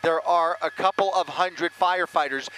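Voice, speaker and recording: A man reports live from outdoors, urgent and descriptive, now and then pausing on a filler. His voice sits a little high. Faint outdoor noise runs under him. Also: steady tone, fairly bright tone, rough recording. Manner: urgent, descriptive, occasional hesitations. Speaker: field reporter. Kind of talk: live breaking news report. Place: outdoors near a burning neighborhood.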